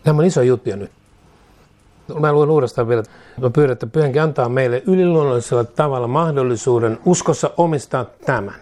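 A man's voice: mid-range voice, a little mellow. A man preaching as a pastor and leading a declaration prayer, reading each line in short phrases for the congregation to repeat. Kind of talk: sermon, leading a call-and-response declaration. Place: church service with a congregation. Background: congregation repeating lines aloud.

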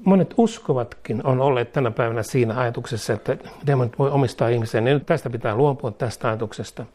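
A man preaching a sermon, rising in force as he exhorts and leading prayers phrase by phrase. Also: warm tone. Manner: leads the congregation in prayer, phrase by phrase; rises in pitch and force as he exhorts. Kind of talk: sermon with call-and-response prayer.

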